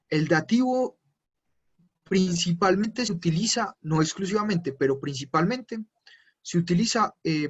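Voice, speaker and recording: With a slightly high voice that has a breathy edge, a male German teacher patiently explains step by step in an online class, filling gaps with frequent fillers. The recording is dull and lo-fi.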